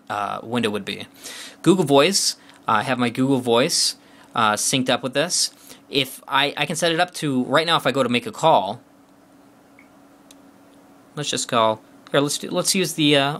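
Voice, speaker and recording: Bright-voiced man demoing a phone. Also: medium pitch. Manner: chatty and loose, many uh fillers and restarts; talks along while tapping through a phone. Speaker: phone reviewer. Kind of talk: casual product demo.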